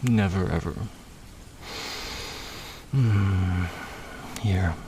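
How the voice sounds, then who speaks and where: In a comforting audio roleplay, a man speaks softly and very slowly in a low voice, soothing and murmuring with frequent sighs and hums. The background is noisy.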